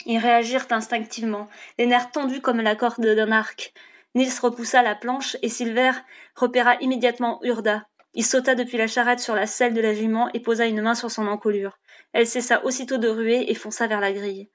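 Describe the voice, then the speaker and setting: A woman narrating an audiobook chapter in a steady, measured reading. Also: a little high.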